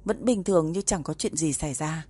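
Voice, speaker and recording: A woman narrating a romance novel in a calm, even storytelling voice. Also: deep voice, a little fast, breathy edge. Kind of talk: audiobook narration.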